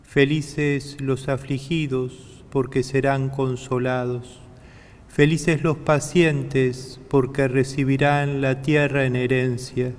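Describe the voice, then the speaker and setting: Slow solemn priest in church echo. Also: male voice, mid-range voice. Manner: slow, even, solemn delivery. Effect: long church reverb. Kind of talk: liturgical gospel reading. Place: large church. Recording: echoey church, long reverb.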